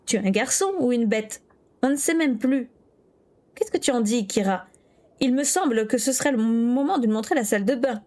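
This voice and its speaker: A woman's voice: fairly high pitch, normal speed, darkish tone, lightly acted. Woman reading a teasing young man.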